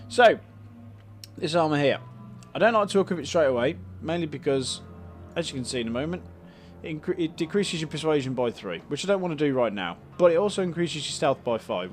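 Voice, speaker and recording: A British man hosting a let's play, casually explaining a game's menus and items with frequent ums and uhs. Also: mid-range voice. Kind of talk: casual game commentary.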